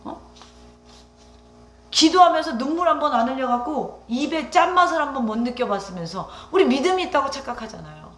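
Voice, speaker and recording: A woman's voice: sits high, expressive, fairly quick. A woman pastor preaching a Sunday sermon, emphatic, with rising exclamations and rhetorical questions to the congregation. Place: church sanctuary. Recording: echoey church hall.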